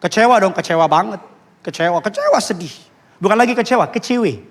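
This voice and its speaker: A male pastor. He tells stories in a lively, playful way and drops English phrases into his talk. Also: high-pitched, a little fast. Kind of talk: sermon. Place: church.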